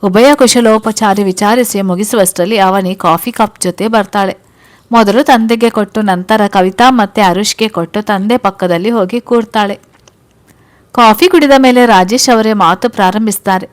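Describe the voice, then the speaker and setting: A woman storyteller reads a scripted family story aloud. Her reading is even and steady, at an ordinary mid pitch for a woman. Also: normal speed.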